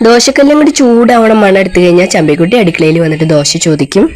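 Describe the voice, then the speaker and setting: A woman's voice: medium pitch, very animated, quick pace, a little mellow. A woman narrating a casual pet vlog, her voice congested from a cold, chatty and often tagging sentences with "you know". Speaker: pet vlogger.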